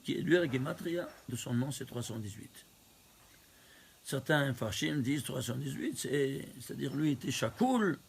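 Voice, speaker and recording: A man's voice: mid-range voice, creaky, slight background noise. A rabbi teaching a Torah class, counting out numbers step by step and putting questions to his listeners. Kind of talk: lively recorded Torah lesson.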